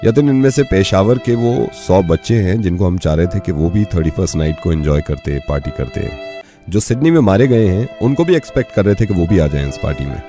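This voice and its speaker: A man's voice: deep voice, mellow. A man hosting a radio prank call, scolding the caught caller and then talking in a somber, lecturing way.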